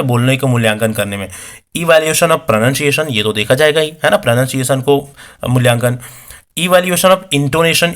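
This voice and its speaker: A man teaching an exam-prep lesson, reading English questions slowly and then explaining the answers conversationally, often tossing rhetorical questions to the viewers. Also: mid-range voice, a bit bright.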